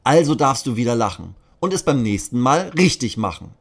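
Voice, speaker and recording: A man voicing a friendly male police officer who reassures children in a slow, kind way in a children's audio story. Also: medium pitch, very animated, vocal fry. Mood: reassuring.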